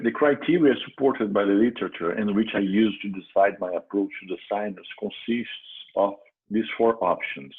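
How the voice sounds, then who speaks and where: A man's voice: lowish voice, husky. Brazilian-accented man lecturing over tinny audio. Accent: Brazilian Portuguese. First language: Portuguese. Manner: halting, frequent restarts and fillers. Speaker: dental surgeon presenting a case. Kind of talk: clinical lecture.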